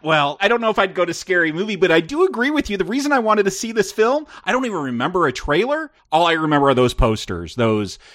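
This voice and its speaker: Lively, higher-voiced man on a film podcast. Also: fast, few pauses. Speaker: podcast co-host. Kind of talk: casual film review chat.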